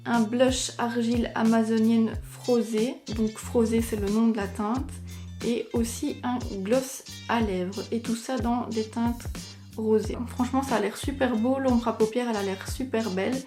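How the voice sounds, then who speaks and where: A woman's voice: fairly high pitch, steady tone, a little slow, mellow, faint music behind. A young woman, chatting casually as a beauty vlogger and filling her talk with little fillers. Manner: chatty, many fillers like "donc" and "ben". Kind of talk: casual chat.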